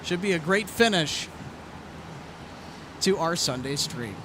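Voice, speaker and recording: A man's voice: a little high, lively intonation, slow. A man hosting a livestream, giving live plane-spotting commentary on airport traffic. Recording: outdoor airport noise behind voice. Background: aircraft, vehicles, airport ambience.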